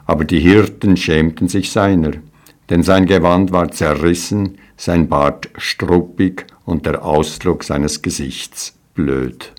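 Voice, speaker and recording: A male storyteller reads a storybook aloud with calm, measured delivery. His voice is very deep. He takes his time over every line. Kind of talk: storybook reading.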